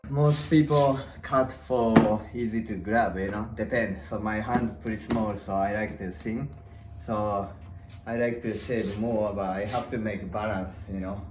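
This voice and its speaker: Recorded from a distance with echo and clear background noise, a man chats casually. He has a non-native English accent and speaks in short, simply built phrases as a guest rider explaining his own setup. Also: fairly low pitch, fairly even intonation, a little slow. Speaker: guest freestyle motocross rider. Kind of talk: casual unscripted chat. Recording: distant echoey sound, clear noise, clicks.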